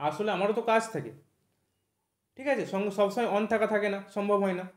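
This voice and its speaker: In an online vocabulary class for exam prep, the male English tutor talks fast and high, and the sound echoes around the room. Almost every point ends with a check of "thik ache?", and he slowly spells out words.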